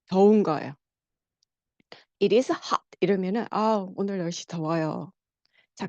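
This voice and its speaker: A woman's voice: medium pitch, no room sound, lo-fi sound. A woman teaching an online English lesson, patiently explaining and drawing out each phrase for the class to repeat. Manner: slow, drawn-out drilling of English phrases; patient explaining, frequent checking questions. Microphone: close mic, muted class.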